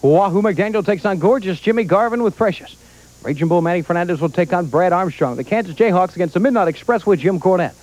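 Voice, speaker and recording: A man's voice: high voice, animated, quick pace, darkish tone. A man in his thirties announcing a wrestling promo on a handheld microphone.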